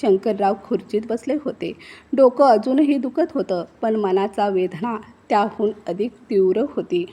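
A woman narrating a scripted story with a steady, expressive reading. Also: medium pitch, a little slow, husky.

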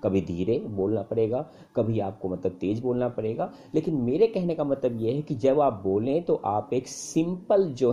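A man teaching English speaking tips in a casual spoken lesson, full of fillers and repeated phrases. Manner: conversational, many fillers and repeated phrases, lively pitch jumps.

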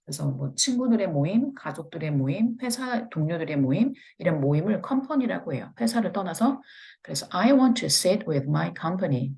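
Low, gravelly Korean woman teaching English. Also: very animated, dark tone. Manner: slow, drawn-out model phrases with step-by-step explanations. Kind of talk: pronunciation lesson.

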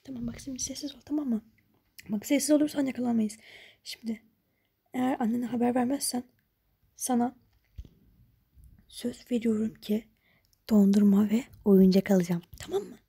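A woman voicing a homeless young woman neighbor in a whispered role-play, talking in a hushed, pleading way. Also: fairly high pitch, fairly even intonation, normal speed, creaky, pauses often, slightly rough, pitched below the performer's own voice, exaggerated voice. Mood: coaxing.

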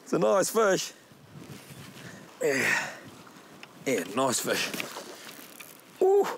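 A man with a broad Kiwi accent chats casually out on the water. His voice sits high and swings up and down freely. Boat and water noise sit clearly behind him. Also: wildly swooping pitch, very slow. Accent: broad New Zealand. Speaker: kayak fishing show presenter. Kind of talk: casual excited fishing chat. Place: outdoors on the sea, in a kayak or small boat.

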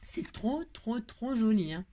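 A woman's voice: on the high side, very animated, slow pace, dark tone. A woman craft vlogger chatting casually as she opens her mail, gushing over each piece and cooing to her cat. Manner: effusive, gushing, repeats "trop joli"; coos to her cat in baby talk. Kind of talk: casual chat while opening mail.

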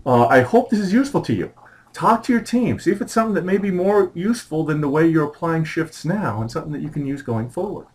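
A man hosting a short screencast tutorial on scheduling software, talking in an upbeat, chatty and playful way as a trainer. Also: a little high, animated, fast talker, poor audio.

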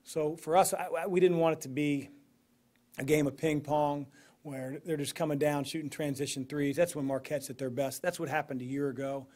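A man in his forties, a basketball head coach, answering press questions after a game in a measured way, with many fillers and restarts, into a podium microphone. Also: fairly high pitch, fairly even intonation, a little mellow. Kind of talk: postgame press conference answers. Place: press room in front of a sponsor backdrop.

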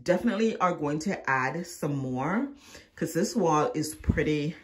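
A woman narrating her home makeover in a chatty, relaxed way, talking straight to her viewers. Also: low-pitched, measured pace, a little hiss or hum. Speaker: DIY vlogger. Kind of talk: casual voice-over narration.

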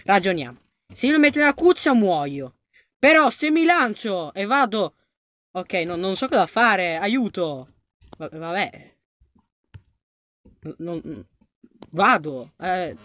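An excitable gamer commentating a let's play, voice of middling pitch that jumps into panicked yelps and drops into mutters. They address the on-screen characters directly as if they could answer. The sound is dry and close, with no room around it. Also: slow, long pauses, no echo. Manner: excitable and panicky, talks to game characters, swings between shouting and muttering. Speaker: gaming video creator.

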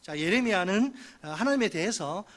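생생하게 설교하는 목사 남성. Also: male voice, high-pitched, moderate pace. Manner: animated preaching, reads scripture aloud with the congregation; frequent fillers and restarts, conversational asides. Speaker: pastor. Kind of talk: sermon.

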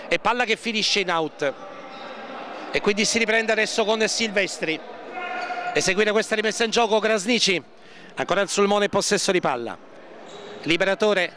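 A man giving live futsal play-by-play, repeating players' names and lifting his voice excitedly at key moments. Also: high voice. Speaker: match commentator. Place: indoor sports hall during a match. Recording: noisy sports hall ambience, bouncing balls.

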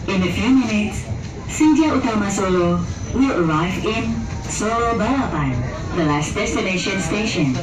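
A woman giving a polite, measured onboard loudspeaker announcement to train passengers. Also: far from the mic. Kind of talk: formal recorded passenger announcement. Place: inside a train carriage. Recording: echoey loudspeaker from afar, loud train noise. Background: rumbling moving train.

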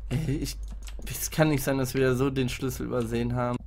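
A man giving excited, casual gameplay commentary as a let's player, jumpy and exclamatory. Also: medium pitch, brisk. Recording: home recording with clear background noise.

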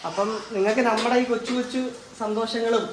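A man's voice: high-pitched, fairly even intonation, fast talker, noisy background. A man, chatting casually and rambling as he films a family vlog in a home kitchen, mixing in English words. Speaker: family vlogger filming his partner cooking.

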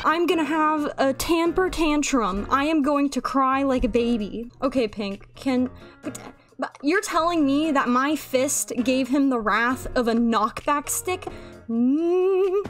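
High-voiced excitable woman gamer. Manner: excitable and playful, squeals and talks to viewers. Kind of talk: gameplay commentary.

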